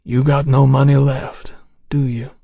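A man voicing a terse, merciless ranger who talks in blunt, rough grammar, in a storybook reading. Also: mid-range voice, little pitch movement, unhurried, warm tone, no echo, clean studio sound. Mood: grim accusing. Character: grim male ranger assassin, terse and merciless.

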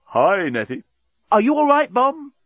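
A man reading an audiobook, voicing a bold, feisty young woman who talks with spirit and a sharp tongue. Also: very high-pitched, huge pitch swings, a little slow, no echo, pitched above the performer's own voice, heavily acted. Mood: excited. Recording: slightly dull, dry studio sound.

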